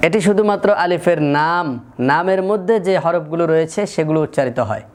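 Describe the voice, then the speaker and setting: A man's voice: on the high side, quick pace. A man teaching Quran letter pronunciation, patiently repeating each sound to demonstrate. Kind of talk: slow, deliberate lesson with repeated sample sounds.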